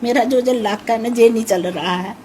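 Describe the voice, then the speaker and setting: A woman's voice: a little high, normal speed, dark tone, a little hiss or hum. An older woman with a naturally harsh-sounding voice, speaking anxiously about her missing son. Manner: anxious, pleading, repeats herself. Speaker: mother of a missing man. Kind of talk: emotional interview.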